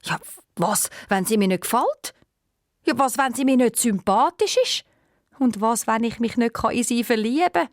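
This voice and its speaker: An eager young caliph who has been turned into a stork, as a woman puts him on. He asks questions in a raised, lively voice, for a children's radio play. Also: on the high side, moderate pace, no echo, clean studio sound, voice pushed up, natural voice.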